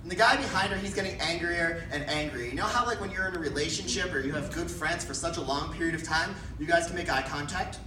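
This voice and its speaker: A man's voice: on the high side, fast talker, few pauses. A young man doing stand-up storytelling, rambling with lots of fillers and acting out characters. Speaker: stand-up comedian. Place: comedy club stage. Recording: roomy room, distant mic, background noise.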